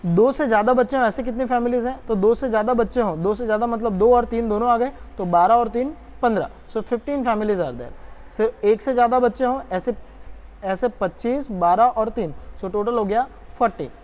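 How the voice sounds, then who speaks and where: A woman's voice: fairly high pitch, normal speed. Woman tutor, muffled lo-fi lecture. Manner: explains step by step, checks understanding with "is that clear". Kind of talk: exam solution lecture. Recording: muffled lo-fi recording.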